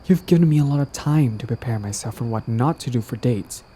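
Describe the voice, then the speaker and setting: A man with a natural, mellow, medium-pitched voice plays a lovestruck, persistent villain in an intimate romantic audio roleplay. Speaking fairly quickly with lively intonation, he talks casually and coaxingly to the listener, smug yet earnest, in a hopeful, flirtatious mood. There's slight background noise.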